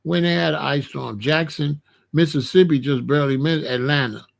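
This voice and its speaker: A man's voice: fairly high pitch, normal speed, vocal fry. A middle-aged or older American man chatting casually to his online viewers, colloquial and emphatic, repeating phrases for stress. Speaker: online video host. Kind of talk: casual livestream chat warning viewers about weather.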